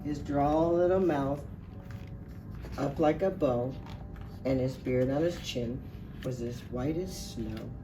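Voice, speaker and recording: Low-voiced Mrs. Claus storyteller played by a woman. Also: background noise. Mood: merry, gentle. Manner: unhurried, expressive, addressing listeners directly. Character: Mrs. Claus, Santa's wife reading a storybook aloud. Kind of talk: storybook reading aloud to children. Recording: distant mic under clear music. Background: music.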